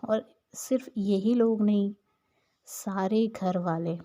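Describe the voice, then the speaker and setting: A woman's voice: medium pitch, takes it slowly, dark tone. A woman narrating a casual, opinionated recap of a TV show episode in a chatty storytelling manner.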